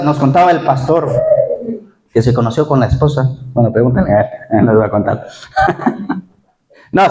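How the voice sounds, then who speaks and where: A male pastor preaching a lively sermon, asking his congregation questions directly. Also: mid-range voice. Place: church hall; Spain. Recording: echoey church hall.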